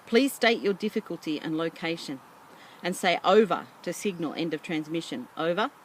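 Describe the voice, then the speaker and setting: A woman voicing a calm adult male radio operator, speaking in firm, procedural radio talk. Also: on the low side, moderate pace, a little hiss or hum, close to an everyday voice.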